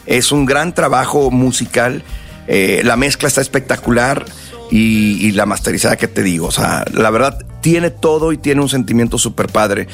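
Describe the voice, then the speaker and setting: Hungover Mexican singer, slangy and rambling. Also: male voice, medium pitch, normal speed, soft background music. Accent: Mexican Spanish. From northern Mexico and South Texas. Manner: relaxed, slangy, rambling with many restarts. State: hungover and tired. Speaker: singer guest. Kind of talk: casual radio interview.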